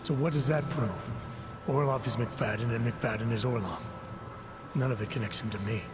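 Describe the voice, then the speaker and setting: An actor playing a guarded, skeptical augmented agent with a terse, challenging manner in video game dialogue. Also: male voice, medium pitch, steady tone, moderate pace, lightly acted. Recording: loud music behind game dialogue.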